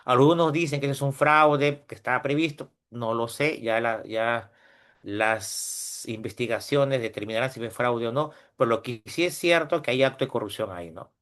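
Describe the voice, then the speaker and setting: This middle-aged Peruvian lecturer speaks at a moderate pace in a mid-range, fairly bright voice, with a Peruvian Spanish accent. He talks to his university students conversationally, tags his points with questions, and retells anecdotes using quoted voices.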